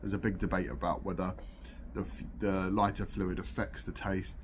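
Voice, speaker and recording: Pipe in mouth, this British reviewer chats casually to the camera in a low-pitched, level voice at a normal speed. The sound comes from the camera's own microphone, with no separate mic, and is noisy as a result.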